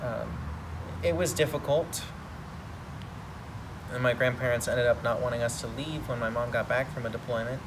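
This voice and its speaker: Brief: American man, mid-pitched, rambling storyteller, recorded outside with clear traffic hum. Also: moderate pace, pauses often. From United States. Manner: conversational, rambling, many fillers. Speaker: son of an Army veteran. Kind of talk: personal storytelling interview. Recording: outdoor take with steady background noise.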